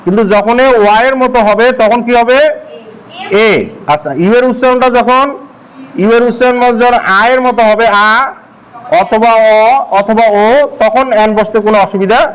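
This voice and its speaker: High-pitched man teaching a class. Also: fairly even intonation, moderate pace, smooth, poor audio. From Bangladesh. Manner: drills the class with repeated questions. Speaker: English teacher. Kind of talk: classroom grammar lesson.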